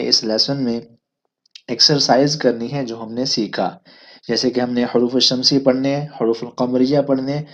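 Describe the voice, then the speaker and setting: A man teaching Arabic in a recorded online lesson, at a middling pitch for a man. He explains step by step, keeps checking that his students follow, and slows right down for deliberate English phrases. The sound is a little dull and lo-fi. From Pakistan. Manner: explains step by step, repeating "theek hai" to check understanding; switches into slow, deliberate English sentences.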